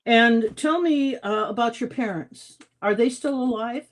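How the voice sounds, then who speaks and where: A woman's voice: fairly high pitch, measured pace. A woman interviewing a guest in an effusive, encouraging way. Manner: effusive, encouraging, calls guest her hero. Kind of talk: casual interview talk.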